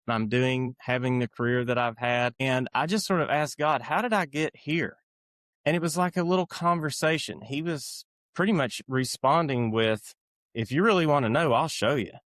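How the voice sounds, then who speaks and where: A man's voice: medium pitch, a bit bright, no echo, studio quality. Middle-aged man with an Appalachian accent. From eastern Kentucky, United States. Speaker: podcast guest, author. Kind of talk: reflective personal storytelling in an interview.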